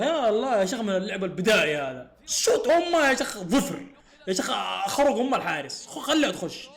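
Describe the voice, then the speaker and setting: Fast-talking man reacting to football. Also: high voice, reverberant. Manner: excitable, exasperated, laughing often. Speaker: football fan reacting to a match. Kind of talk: live match reaction.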